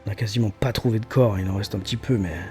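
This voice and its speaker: Man acting a mellow, resigned convoy captain. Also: on the low side, fairly even intonation, fast talker, faint music behind, close to an everyday voice. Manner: resigned, matter-of-fact. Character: weary, pragmatic male captain of a convoy escort.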